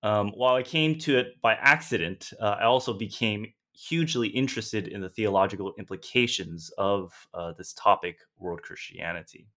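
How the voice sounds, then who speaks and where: A man from Southern California, a theologian answering interview questions in a measured way with frequent fillers. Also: on the low side, bright, forceful tone. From Southern California, USA. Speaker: guest author, theologian. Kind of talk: podcast interview.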